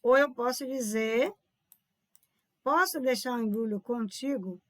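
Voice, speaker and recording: A woman's voice: a little high, a little slow, no room sound, clean studio sound. A woman teacher with a Brazilian Portuguese accent explains grammar exam questions, often checking in with her viewers as she goes. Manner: explanatory, keeps checking in with "tá vendo?" and calls viewers "povo lindo". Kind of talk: online grammar lesson solving exam questions.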